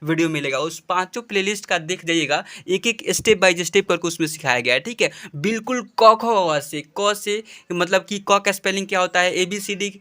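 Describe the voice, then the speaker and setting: A man teaching a spoken lesson, slowly drawing out spelling drills and repeating his explanations. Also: high voice, pushed and bright. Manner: slow drawn-out spelling drills, repetitive explanations.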